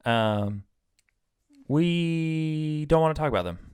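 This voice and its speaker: A young man co-hosting a podcast in casual, joking chat, quick to laugh. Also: on the high side, expressive, a little mellow, smooth, no echo, clean studio sound. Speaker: podcast co-host.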